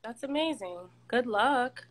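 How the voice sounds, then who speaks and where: A woman's voice: a little high, expressive, measured pace, a crowd in the background. A friendly, upbeat woman from Haiti joining a livestream as a caller over a video call. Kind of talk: casual video call chat. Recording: noisy phone call audio.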